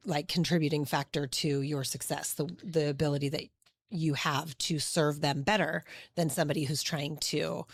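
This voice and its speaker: Female interview host, notably low register, conversational, very little room sound. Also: dry recording, studio quality.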